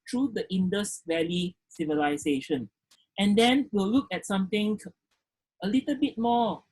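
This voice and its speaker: A male lecturer teaches an online class over video call, peppering his speech with "okay" and directing questions at his students. His voice is high-pitched, a little mellow and slightly rough, and the recording is low quality.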